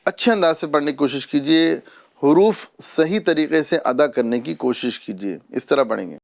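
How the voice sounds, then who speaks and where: A man with a Pakistani Urdu accent teaching Quran recitation, drawing out each word slowly and repeating syllables, then explaining in quick asides. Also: a little high, animated, vocal fry. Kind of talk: step-by-step recitation lesson.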